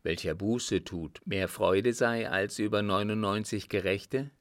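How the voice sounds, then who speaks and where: A man's voice: on the low side, unhurried, dry recording, clean studio sound, close to an everyday voice. A man reading aloud, voicing a frightened young son who pleads urgently with his dying father. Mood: pleading.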